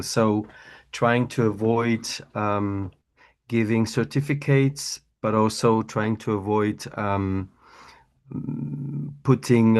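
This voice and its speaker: On a video call, a Swiss man who speaks French natively and has a Swiss French accent hesitantly explains his startup, searching for words as he goes. His voice sits on the low side, with a darkish, clean tone. He is a webinar participant, and the talk is a casual chat.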